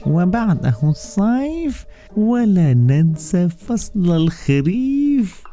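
A man voicing a calm, patient mother tree explaining things to her child. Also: high voice, pitched above the performer's own voice, heavily acted. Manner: slow, soothing, explaining.

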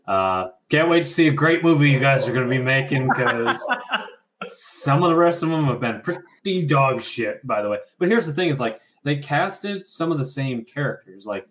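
A man hosting a casual chat over an internet call, his voice mid-pitched and loose. He rambles through his points with some swearing, and a faint noise runs underneath. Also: animated, moderate pace, fairly bright tone. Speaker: podcast host.

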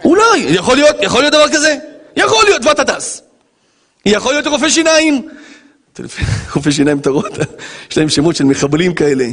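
A man, a rabbi giving an animated Torah lesson, dramatic and joking, acting out dialogues. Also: very high voice, big-room sound. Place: yeshiva lesson hall.

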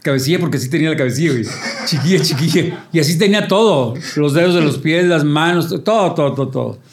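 An older man telling lively stories as a band member, acting out quoted voices and sound effects in casual talk. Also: on the high side, quick pace, slight background noise. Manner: animated storyteller, acts out quotes and sound effects. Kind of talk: casual storytelling interview.

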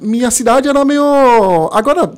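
Haitian-accented man, halting and searching. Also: very high-pitched, expressive. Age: 30s. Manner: halting, searching for words, frequent restarts. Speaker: guest. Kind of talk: casual interview conversation.

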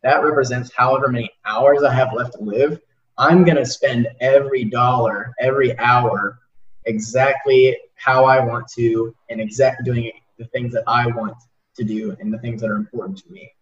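This twenty-something podcast host has a mid-range voice with fairly even intonation and a moderate pace. He talks earnestly but rambles through a casual interview chat, repeating words often, in a roomy, distant, dull-sounding recording.

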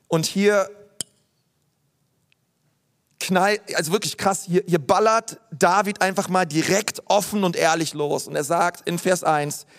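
A pastor giving a passionate sermon in casual, youthful wording, his voice rising when he speaks heartfelt prayers. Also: on the high side. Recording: long hall reverb.

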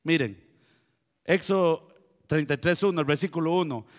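A man's voice: on the high side, normal speed. A man preaching a sermon, speaking animatedly and directly to his congregation. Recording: long hall reverb.

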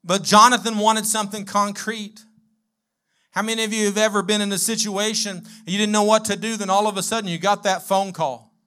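A man's voice: high voice, little pitch movement, a little fast, sharp tone. A man preaching a sermon as pastor, building with emphatic repeated lines and calling on the congregation to respond.

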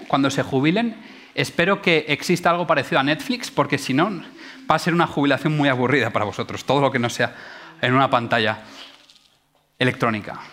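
A man's voice: medium pitch, a bit bright. A man giving a reflective, sermon-like talk, asking his listeners rhetorical questions. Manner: asks rhetorical questions to the audience. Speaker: speaker.

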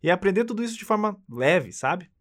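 A man's voice: sits high, big pitch swings, brisk, fairly bright tone. A man with a Brazilian accent, leading an upbeat English lesson and coaching the listener through repeated phrases. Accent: Brazilian Portuguese. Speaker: English teacher. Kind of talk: friendly language lesson.

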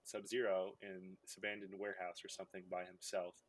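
A man's voice: sits low, level tone, fairly quick. A man hosting a casual podcast, recapping a movie in a rambling way with lots of fillers and laughs. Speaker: podcast host.

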